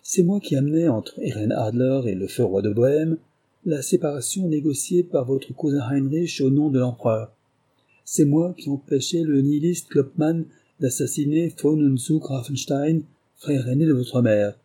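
A man reading aloud, voicing a sly, confident male English detective in a lively, ironic manner. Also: moderate pace, slightly rough, close to an everyday voice. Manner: higher, lively, ironic delivery.

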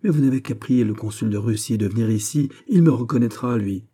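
A man reading an audiobook, voicing a furious bearded Russian policeman who shouts and repeats himself. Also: medium pitch, fairly quick, breathy edge, natural voice. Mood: indignant. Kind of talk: audiobook character voice.

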